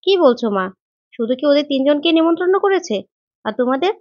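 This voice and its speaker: Woman reading as a prying suspicious daughter on the phone, high voice, dry dull recording. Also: animated, quick pace, no room sound. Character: nosy suspicious married daughter.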